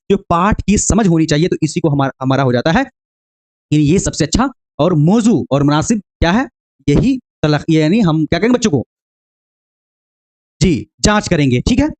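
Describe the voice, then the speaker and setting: A man with a notably high voice leads an exam-prep lecture. He works through each question step by step, poses rhetorical questions and answers them himself. He keeps addressing his viewers as dear friends and checks in with a frequent "okay.". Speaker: teacher.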